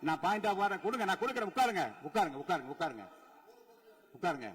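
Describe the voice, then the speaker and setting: A man's voice: high-pitched, sing-song, fast, a bit bright, distant mic. A man chairing a legislative assembly session, firmly and repeatedly telling members to sit down. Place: state legislative assembly hall.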